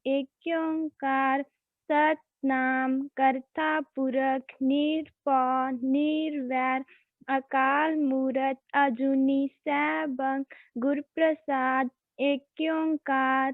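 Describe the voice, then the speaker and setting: A woman chanting a prayer in a steady, rhythmic recitation. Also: high-pitched, dry recording. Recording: phone-like dry online call.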